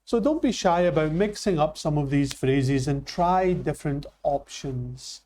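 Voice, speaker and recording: A Scottish man teaching English phrases at a slow, deliberate pace. His voice is mellow and sits a little high. He explains each point carefully to his class. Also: lively intonation. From Scotland. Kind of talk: classroom lesson.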